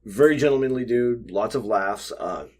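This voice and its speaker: A man's voice: mid-range voice, normal speed, a little mellow, slightly rough. A man in his forties co-hosting an unscripted convention chat, telling rambling, jokey stories. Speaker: podcast co-host.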